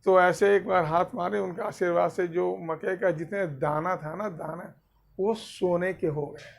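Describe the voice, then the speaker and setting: Unhurried guy telling kids a story on a video call, keeps asking them questions. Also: high-pitched, fairly even intonation, vocal fry. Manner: quizzes listeners mid-story; mixes simple English with Hindi. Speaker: storyteller teaching children. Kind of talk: spiritual story told to children.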